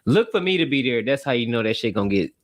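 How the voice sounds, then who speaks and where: A man hosting a casual livestream chat, loud and joking, trash-talking his guests. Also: medium pitch, sing-song, quick pace. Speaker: host.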